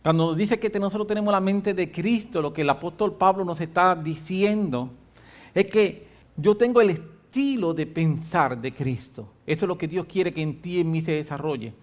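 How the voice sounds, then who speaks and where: A middle-aged man, preaching a sermon as pastor, fervent and emphatic, with slow stressed words and shifts from loud to soft. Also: high-pitched.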